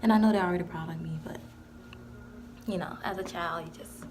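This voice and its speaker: A woman's voice: on the low side, fairly even intonation, a little fast, a little mellow, slight background noise. A woman of twenty giving a casual, rambling vlog tour, full of "like" and "you know". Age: 20s. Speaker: vlogger. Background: background music.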